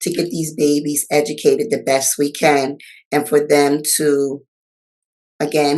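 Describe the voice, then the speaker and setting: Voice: medium pitch, rough recording. A speaker in a casual interview, talking with many fillers. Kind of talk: casual conversation.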